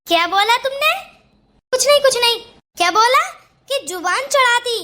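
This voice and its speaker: A fiery young wife from a cartoon who fires back with sharp, indignant retorts. Her voice is very high and bright. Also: animated, normal speed, heavily acted. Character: young wife, quick-tempered and proud. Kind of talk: cartoon voice acting.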